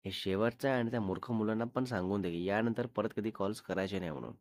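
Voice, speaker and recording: A man's voice: lowish voice, steady tone, quick pace, no echo, clean studio sound, natural voice. A man voicing a caring but bossy young girlfriend, fussing and scolding in a storybook drama. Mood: stern.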